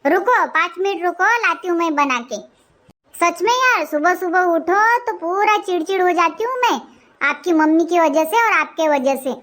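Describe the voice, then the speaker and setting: A very high, squeaky cartoon daughter-in-law, as a woman plays her, young and sharp-tongued. She talks back with defiant retorts. The voice sits far above an ordinary woman's. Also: expressive, moderate pace.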